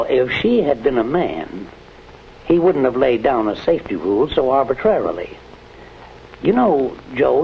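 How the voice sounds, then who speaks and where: Middle-aged American senior manager, 1940s training film, avuncular and measured, dull old soundtrack. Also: male voice, medium pitch, vocal fry, a little hiss or hum. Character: genial, condescending senior plant manager advising a foreman. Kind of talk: 1940s instructional film acting.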